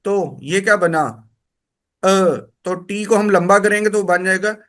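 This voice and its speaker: A man gives a spoken lesson. He explains step by step and says each word slowly, often more than once, so learners can copy the sounds. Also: high-pitched, steady tone, a bit bright. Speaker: language teacher.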